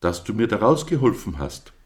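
A man's voice: fairly low pitch, very animated, moderate pace, pitched above the performer's own voice. A man voicing a big, clumsy male sheep in a storybook reading, grumbling and a little sheepish. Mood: lively.

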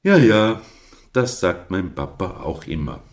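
A man's voice: fairly low pitch, very animated, slow pace, a little mellow, pitched above the performer's own voice, full character voice. A man doing a big grumbling sheep.

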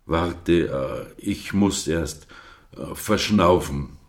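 A man's voice: fairly low pitch, big pitch swings, takes it slowly, darkish tone, voice pushed up, full character voice. A man doing a big grumbling sheep. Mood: out of breath.

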